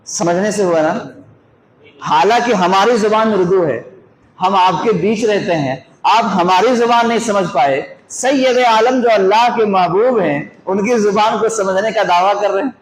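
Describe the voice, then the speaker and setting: A man's voice: high voice, unhurried. A man, an Islamic scholar, giving a religious lesson, asking his listeners questions and walking them through examples. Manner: questions the audience and gives worked examples. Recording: echoey room with faint noise.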